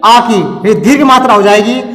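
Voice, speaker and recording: A man with a strikingly high voice teaches a lesson at the board. He keeps asking his own questions and answering them, going over each step again. The sound is roomy, with a long echo trailing off the classroom walls. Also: a little fast, fairly bright tone.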